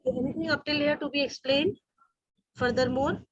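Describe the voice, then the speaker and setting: A woman's voice: sits high, steady tone, normal speed, no echo, highs cut off. A woman with an Indian accent teaching an online class, calling on students and checking they follow with short questions.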